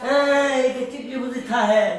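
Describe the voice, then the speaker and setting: A woman's voice: high voice, fairly even intonation, moderate pace, natural voice. A woman playing a wheedling young brother-in-law. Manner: wheedling, pleading. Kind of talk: comic village skit acting. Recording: echoey room from far off, faint hiss.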